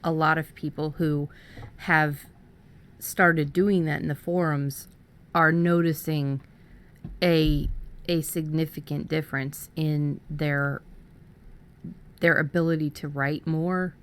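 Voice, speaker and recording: A podcast co-host with a low-sitting, smooth voice offers casual, earnest writing advice, speaking slowly with fairly even intonation and long pauses. She often stumbles and repeats words as she goes.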